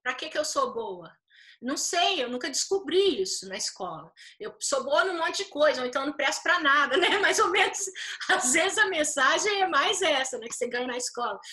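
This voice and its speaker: A woman leading a faith-based group discussion, talking in an animated way with lots of rhetorical questions. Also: high-pitched, a little fast. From Belo Horizonte, Brazil.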